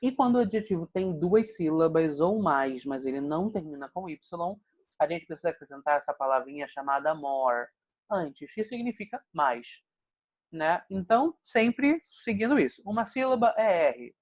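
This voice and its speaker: A man with a Brazilian Portuguese accent, an English teacher calmly explaining grammar in an online lesson. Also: on the high side, normal speed. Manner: patient, explanatory, frequent "né?" check-ins. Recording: dull lo-fi sound.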